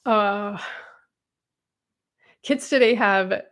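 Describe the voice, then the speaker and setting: A woman's voice: medium pitch, drawn-out words. Chatty woman podcast host. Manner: chatty and animated, laughs often. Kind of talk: casual chat, reading viewer comments aloud.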